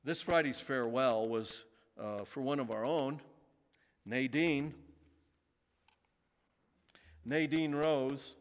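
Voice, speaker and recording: A male pastor preaching a sermon in a church, speaking slowly with emphatic pauses. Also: mid-range voice. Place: church sanctuary. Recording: long reverb of a large sanctuary.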